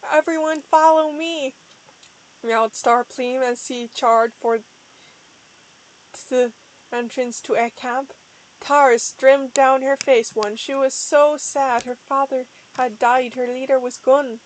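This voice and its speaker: A woman's voice: high-pitched, flat delivery, slow, poor audio. A woman streamer doing a mock-dramatic reading, breaking off for wry, joking asides to her chat.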